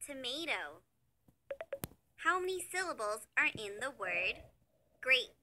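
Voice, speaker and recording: A woman narrating a children's lesson in a slow, cheery sing-song voice, praising between words, over background music. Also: high voice, big pitch swings, pushed and bright, a little hiss or hum. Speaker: children's learning app narrator.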